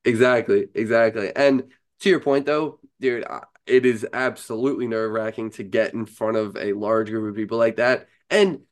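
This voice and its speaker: A man's voice: lowish voice, fairly even intonation, normal speed. A man hosting a casual interview podcast like a frat bro, full of hype, slang and casual swearing. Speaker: podcast host.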